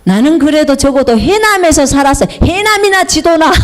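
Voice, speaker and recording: A woman's voice: sits high, expressive, a little slow. A middle-aged woman missionary with a Jeolla accent, preaching a sermon in a chatty way, telling personal stories and asking the congregation questions. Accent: Jeolla Korean. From South Jeolla, Korea. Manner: chatty, asks the congregation questions, slips into dialect.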